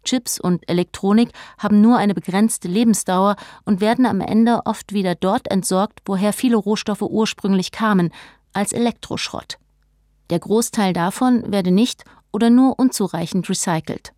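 A woman reading a scripted documentary narration in a measured, informative way. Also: mid-range voice, mellow, dry recording, clean studio sound.

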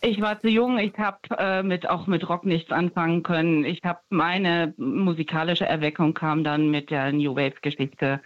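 A woman's voice: low-pitched, fairly even intonation, normal speed, hardly any pauses, no room sound. A woman in her fifties from Stuttgart calling in to a radio show, rambling and hesitant with many fillers. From Stuttgart, Germany. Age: 50s. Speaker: caller. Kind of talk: radio phone-in chat. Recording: dull lo-fi phone line.

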